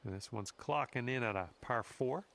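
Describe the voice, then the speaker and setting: An actor with a mid-range male voice and some vocal fry plays a friendly golf game commentator. At normal speed, he delivers scripted lines calmly and encouragingly to the player.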